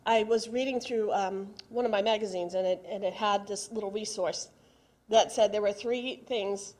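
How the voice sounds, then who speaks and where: A woman's voice: medium pitch, a little mellow. Woman preaching a casual sermon. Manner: conversational, asks the congregation direct questions. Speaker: pastor.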